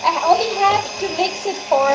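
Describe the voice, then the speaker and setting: Her voice is very high and lively in intonation, moving at a fairly quick clip. She's a young Tyrolean woman, a native German speaker of the Tyrolean dialect with an Austrian German accent, casually live streaming as she bakes, chatting away, answering viewer comments and thanking them often. The room is echoey, with noise in the background.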